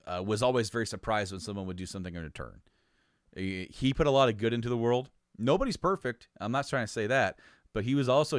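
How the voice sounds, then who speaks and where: A man co-hosting a podcast, telling stories about his father in a casual, animated way and often laughing. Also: clean tone, no room sound, studio quality. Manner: animated, laughs often, reenacts quotes in a high voice. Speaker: podcast co-host. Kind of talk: casual storytelling chat.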